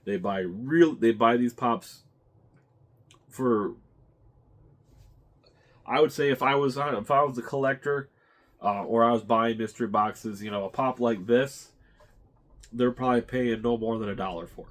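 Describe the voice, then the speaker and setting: A congested man hosting his own channel, rambling casually as he thinks out loud. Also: mid-range voice, unhurried, pauses often. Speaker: channel host. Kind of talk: casual unboxing chat.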